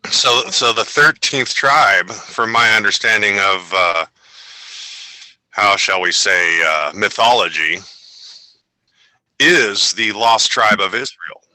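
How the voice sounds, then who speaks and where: Guy on a video call, low-ish voice but really bright and sharp, super dry sound, animated storyteller. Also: slow, pauses often, no room sound, low-quality recording. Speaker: network member, roundtable guest. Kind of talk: casual video call chat. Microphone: video call microphone.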